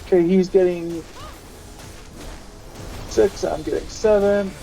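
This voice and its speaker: A man's voice: high voice, fairly even intonation, slow, vocal fry, mellow, low-quality recording. A man chatting casually while livestreaming a game, explaining mechanics to a friend. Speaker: gamer. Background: game music.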